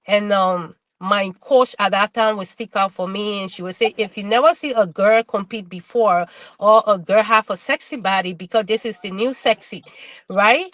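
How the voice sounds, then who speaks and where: A middle-aged woman from Liberia, a bodybuilder guest telling her story in casual webinar talk, halting and restarting her words often. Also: mid-range voice, a bit bright, no echo.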